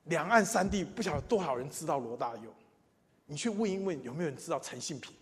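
Animated older preacher in a reverberant hall. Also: male voice, a little high, quick pace. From Taiwan. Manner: animated, swings between loud emphatic and quiet asides. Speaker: church speaker. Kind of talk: sermon with personal testimony. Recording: long reverb in a large hall.

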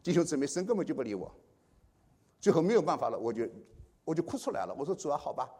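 Lively husky-voiced male preacher. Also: fast. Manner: storytelling, acting out dialogue with wide swings in pitch and loudness. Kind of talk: sermon testimony.

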